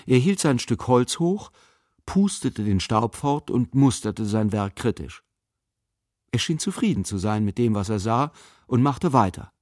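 A man narrating a fairy-tale audiobook in an expressive storytelling manner. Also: mid-range voice, measured pace, dry recording, clean studio sound.

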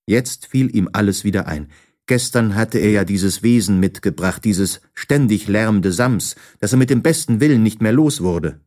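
A man narrating a children's book in an unhurried, expressive storytelling manner. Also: on the low side. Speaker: audiobook narrator.

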